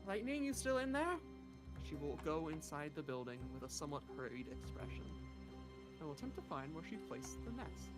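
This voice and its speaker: A player narrating their character's actions in a tabletop game, in a measured, descriptive way. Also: medium pitch, animated, loud music behind the voice.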